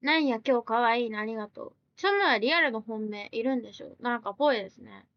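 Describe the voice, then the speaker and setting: A woman's voice: fairly high pitch, lively intonation, no echo, highs cut off. A woman live streamer chatting casually, reading viewer comments aloud and firing back blunt, teasing retorts. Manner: blunt, teasing retorts mixed with quick questions.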